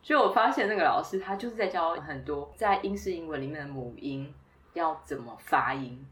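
A woman from Taiwan talks in a casual, chatty way and tells her stories with ease. Her voice sits low, and it sounds a little distant from the microphone. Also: fairly quick, fairly bright tone, slight background noise. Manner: chatty, storytelling, laughs easily. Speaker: guest, former PhD student. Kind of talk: casual conversation.

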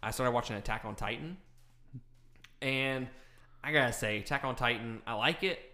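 A man co-hosting a casual podcast, swearing often and laughing loudly between his stories. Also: mid-range voice, normal speed. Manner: profane, laughing, loud outbursts. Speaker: podcast co-host. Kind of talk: casual chat.

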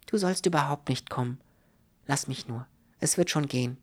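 A man voicing a frightened, feverish young woman in a spoken audiobook, softly and breathily, close to a whisper. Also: medium pitch, moderate pace, pitched above the performer's own voice, lightly acted. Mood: quietly pleading. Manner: soft, breathy, near whispering. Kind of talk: audiobook reading.

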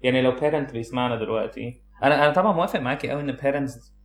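A man's voice: mid-range voice, very fast, a little hiss or hum. A man with an Egyptian Arabic accent, co-hosting a podcast in casual chat that switches into English. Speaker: podcast co-host.

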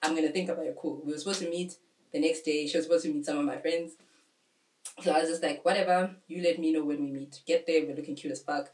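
Young woman podcast co-host, slangy and laughing; lower voice, distant roomy mic, faint noise. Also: fast. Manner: laughs often, slangy and animated. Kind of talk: casual chat, storytelling.

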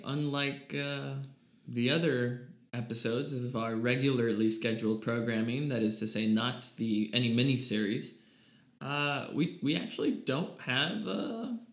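A man's voice: medium pitch, measured pace, fairly bright tone. Playful, rambling male podcast host. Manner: playful, rambling, breaks into laughs. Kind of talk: casual religious chat. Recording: echoey room.

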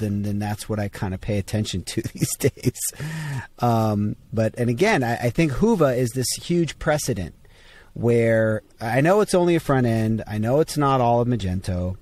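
A man's voice: lowish voice, darkish tone. A man in a casual tech discussion, starting sentences over with stammered restarts and fillers.

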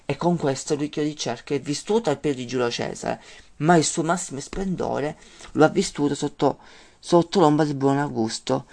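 A man's voice: on the high side, moderate pace, vocal fry, darkish tone. A man teaching a lesson on a classic poem, explaining at length and often stopping to restart his words. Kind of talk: informal lesson.

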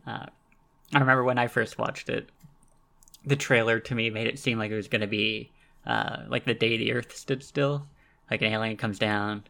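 A man co-hosting a casual podcast about a film, relaxed and hesitant, with many fillers. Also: fairly low pitch, normal speed, vocal fry. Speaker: podcast co-host. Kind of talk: casual movie discussion.

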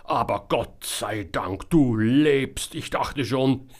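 A man voicing a loud, boisterous male boss who roars, jokes and teases. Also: mid-range voice, takes it slowly. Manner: roaring, laughing, teasing.

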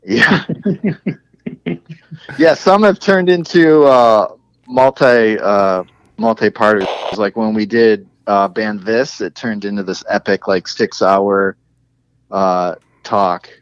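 A man in his forties from western New York, chatting casually as a podcast guest, easygoing and halting with frequent fillers. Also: lowish voice, clean tone, no echo, dull audio. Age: 40s.

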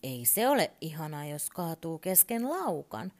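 A woman's voice: fairly high pitch, sing-song, pitched above the performer's own voice. A woman voicing an impatient, bossy little toy bear in a storybook reading. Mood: brisk. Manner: bossy, exclaiming. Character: small toy bear, brisk, impatient and fussy.

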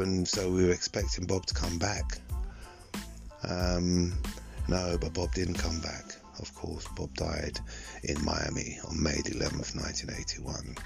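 An older man reminisces in a solo monologue. His voice is exceptionally low with a heavy creak, and he goes reflectively and haltingly, echoing his own phrases for emphasis. Music sits behind him. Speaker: podcast host. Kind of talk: personal storytelling monologue.

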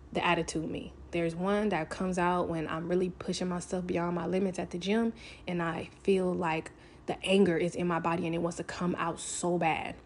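A woman's voice: on the low side, darkish tone, slight background noise. A woman talking candidly to camera, telling a personal story in a casual, frank way, swearing freely and filling with "like".

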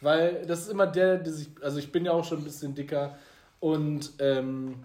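Young guy cracking jokes on a podcast, kinda high voice, roomy echo. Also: fairly even intonation, moderate pace, a little mellow. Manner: joking, rambling storyteller. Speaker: podcast co-host. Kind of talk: casual chat. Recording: echoey room.

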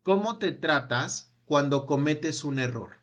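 A man leading a self-help workshop, asking a long run of gentle reflective questions that trail off with a quiet "no?". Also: a little high, expressive, slow pace. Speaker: workshop speaker.

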